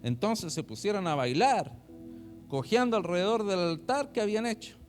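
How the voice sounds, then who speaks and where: A man's voice: high voice, moderate pace, faint music behind. A man preaching an online sermon, reading scripture aloud and explaining it in chatty asides. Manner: animated, loudly quoting then chatty asides. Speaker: pastor. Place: church online service.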